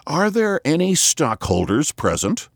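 A man voicing an impudent, scornful old moneylender who calls out in a high, mocking voice, read as an audiobook. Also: wildly swooping pitch, unhurried, no echo, studio quality, exaggerated voice. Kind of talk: audiobook reading.

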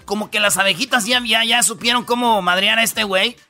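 A man's voice: high-pitched, brisk, pushed and bright, soft background music. A man with a Mexican Spanish accent hosting a radio comedy show, rambling through the news in slangy, jokey storytelling. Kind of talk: comic news rundown.

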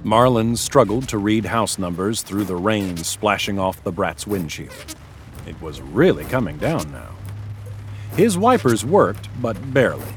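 A man giving a lively, wry scripted narration of an audio fiction story. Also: lowish voice, a little hiss or hum.

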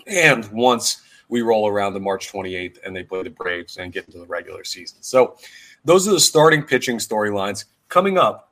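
A man hosting a solo sports podcast, talking energetically and casually with frequent fillers, his voice a bit hoarse. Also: on the low side, a bit bright. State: hoarse, voice going. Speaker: podcast host.

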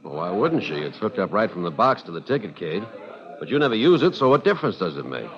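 A man's voice: fairly low pitch, very animated, fast talker, a bit bright. A man playing a nervous, evasive carnival hand who stammers when he is cornered, in an old radio drama. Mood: sardonic. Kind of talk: 1940s radio acting. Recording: dull lo-fi old radio recording.

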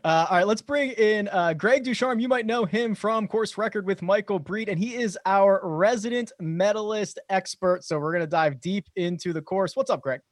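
A high-voiced man hosting a golf podcast. He is upbeat and quick to laugh as he introduces each guest. The recording is dry. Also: no echo. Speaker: podcast host. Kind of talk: casual chat, introducing guests.

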